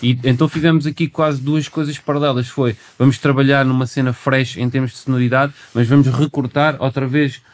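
A man's voice: medium pitch, flat delivery, brisk, few pauses. A man chatting casually as a rapper guest, slangy and emphatic, often repeating himself. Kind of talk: casual chat.

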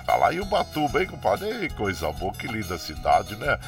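Male country radio host, caipira Brazilian accent, folksy and chatty, lowish voice over faint music. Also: huge pitch swings, moderate pace. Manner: folksy, chatty, repeated country greetings and tag questions. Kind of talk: casual country-music radio show, greeting listeners.

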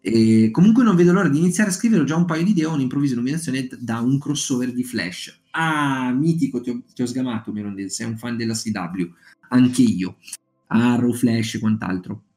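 Faint music plays behind a slightly fast, mid-range male voice with a mellow edge. He's a streamer running a writing group, casually chatting with his audience, reading from books and suggesting short stories amid plenty of fillers and restarts.

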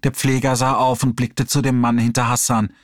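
A man reading an audiobook chapter aloud in a steady storytelling delivery. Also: mid-range voice, normal speed, no echo, clean studio sound. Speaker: audiobook reader. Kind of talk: audiobook narration.

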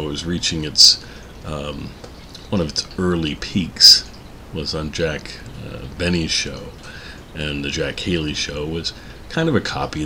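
A man with an extremely deep yet bright voice hosts a podcast. He rambles casually and pauses to think, with a faint rumble behind him. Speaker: podcast host. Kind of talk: casual, rambling introduction to old radio shows.

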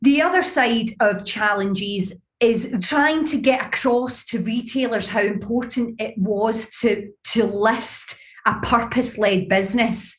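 A woman's voice: on the high side, measured pace. A woman with a Glaswegian accent giving conversational interview answers, explaining her points with examples. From Scotland. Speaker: business founder, interview guest.

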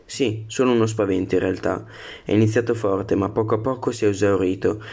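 A man's voice: fairly low pitch, fairly even intonation, fairly quick, vocal fry, a little mellow. A man reading a dismissive older father. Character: recovering older father, downplaying his scare.

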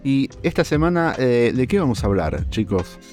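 A young man with an Argentine accent hosting a podcast, telling a story in a casual, animated way with lots of fillers. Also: medium pitch, faint music behind. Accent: Argentine Spanish. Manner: animated, drawn-out fillers, laughs while telling. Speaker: podcast host.

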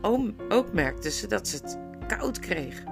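Slow, expressive woman reading a story. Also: medium pitch, vocal fry. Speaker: narrator. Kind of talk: audiobook storytelling. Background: faint guitar music.

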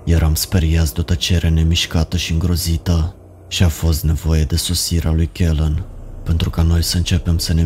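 A man reads a horror story in a very deep, dark voice with little rise and fall. His delivery is slow and even, and faint music plays underneath. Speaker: narrator.

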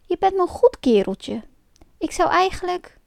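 A woman voicing a gruff, frightening male puppet master who barks orders. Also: sits high, animated, moderate pace, no room sound, studio quality. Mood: kindly. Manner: bossy, shouting.

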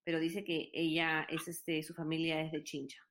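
A woman's voice: low voice, monotone, moderate pace, fairly bright tone. A Peruvian woman telling stories in a casual chat, earnest and full of fillers. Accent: Peruvian Spanish. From Peru. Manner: hesitant, many fillers, earnest storytelling.

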